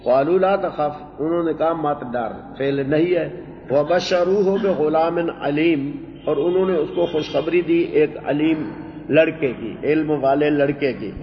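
A man leads a scripture lesson and goes through each word with care, repeating phrases as he explains them. His voice sits a little high. The recording is dull, with a long hall echo. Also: a little hiss or hum. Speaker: teacher. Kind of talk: Quran translation lesson.

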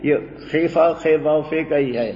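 A man giving a Quran translation lesson. He explains word meanings slowly and repeats phrases. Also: a little high, a little mellow. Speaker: teacher. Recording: dull echoey hall recording.

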